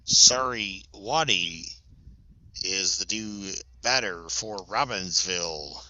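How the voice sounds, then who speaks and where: A man calling a high school softball game play-by-play, chatty and quick to correct himself. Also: highs cut off. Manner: chatty, self-correcting, laughs at big plays. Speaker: play-by-play announcer. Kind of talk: sports commentary.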